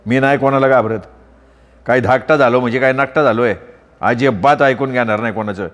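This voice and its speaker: A man's voice: medium pitch, fairly quick, big-room sound, lo-fi sound, lightly acted. A man playing a proud, hot-tempered young village husband who talks in a blunt, scornful way. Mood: defiant.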